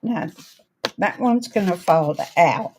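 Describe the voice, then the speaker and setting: Slow, chatty woman demonstrating card crafts. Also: lowish voice, animated, a little mellow. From outside America. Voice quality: slightly crackly voice. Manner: chatty, unhurried, talks while working. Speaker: crafting host. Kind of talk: live card-making demonstration.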